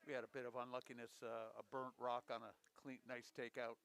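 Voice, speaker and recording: Bright-voiced man calling curling. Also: mid-range voice, level tone, a little fast, creaky. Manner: folksy, jokey play-by-play with repeated calls. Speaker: curling commentator. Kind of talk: live sports commentary, casual and chatty.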